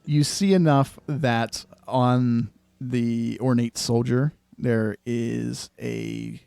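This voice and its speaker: Slow, gravelly game master. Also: male voice, mid-range voice, steady tone, darkish tone, dry recording. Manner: measured descriptive narration with many fillers. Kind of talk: narrating a tabletop game.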